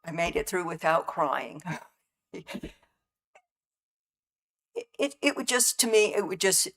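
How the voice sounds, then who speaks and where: A woman's voice: low voice, vocal fry, a bit bright. Tearful older woman, seventy, heartfelt. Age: 70s. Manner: emotional, heartfelt, near tears, religious. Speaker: rancher neighbor giving public comment. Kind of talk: public comment at a county meeting. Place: county commission meeting room.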